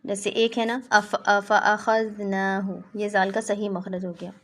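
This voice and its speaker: A young woman teaching Quran recitation, demonstrating each letter sound slowly and then explaining it, with a few English phrases mixed in. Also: mid-range voice, steady tone. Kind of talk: online lesson on letter pronunciation.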